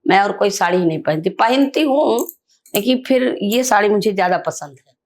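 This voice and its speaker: An older woman activist telling a story in an interview, animated and indignant, acting out the dialogue. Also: mid-range voice, moderate pace. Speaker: activist guest.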